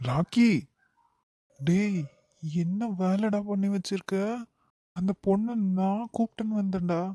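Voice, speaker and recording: Scolding buddy done by a man, mellow dry tone, kanyakumari tamil accent. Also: high voice, a little slow, no room sound. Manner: scolding and questioning. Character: indignant young male friend. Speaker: cartoon character.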